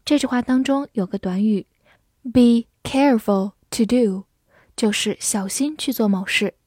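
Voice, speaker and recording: Woman w a teaching english words, spells em out super slow, bit high voice, dry close sound. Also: a little mellow, dry recording. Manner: spells words letter by letter and reads examples slowly. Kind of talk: scripted vocabulary lesson.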